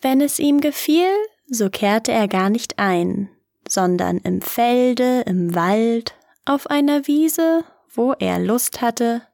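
A woman reading a fairy tale aloud in calm, measured storytelling. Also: fairly high pitch, gravelly. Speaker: narrator.

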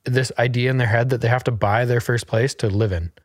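A man in his thirties hosts a casual podcast with a mid-pitched voice, recorded close and dry. He talks brashly and emphatically, teasing his guest. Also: fairly even intonation, a little fast, no room sound. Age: 30s. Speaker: podcast host.

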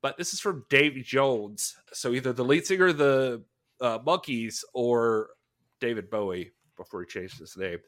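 Bright-voiced male podcast host. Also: medium pitch, normal speed. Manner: reads reviews aloud with dramatic emphasis. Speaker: podcast host reading reviews. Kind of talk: casual podcast chat. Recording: echoey room.

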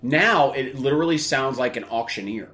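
Rambling, crude young podcast host. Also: male voice, medium pitch, normal speed. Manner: rambling, animated storytelling with vulgar jokes. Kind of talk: casual crude podcast banter.

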